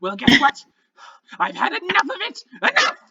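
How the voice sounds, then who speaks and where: A man voicing a small, indignant goblin necromancer with a croaky, theatrical delivery in a tabletop game. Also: wildly swooping pitch, moderate pace, dull audio, background noise, exaggerated voice. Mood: sarcastic exasperation. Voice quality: croaky, shrill. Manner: theatrical, exasperated ranting.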